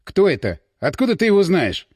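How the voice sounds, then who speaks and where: Brief: man playing brusque cop, clipped and demanding, fairly high voice, dry read. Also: wildly swooping pitch, brisk, a little mellow, breathy edge, no echo, exaggerated voice. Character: tough male police detective, pushy and urgent. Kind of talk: audiobook character voice.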